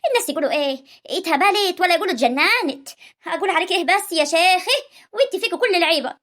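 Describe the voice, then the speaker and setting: Exasperated, high, fast-scolding Egyptian village mother, as a woman puts her on; amateur drama role. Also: lively intonation, a bit bright.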